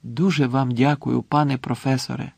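A man's voice: mid-range voice, fairly even intonation, normal speed, gravelly, a little mellow, slightly rough, dry recording. A man voicing an eager, impatient teenage boy hero in a storybook reading. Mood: urgent. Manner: urgent, exclaiming.

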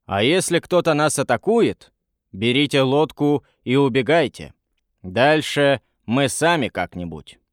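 Борис: мужчина озвучивает спокойного моряка. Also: male voice, medium pitch, animated, a little slow, no room sound, clean studio sound, lightly acted. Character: calm, practical male sailor leader.

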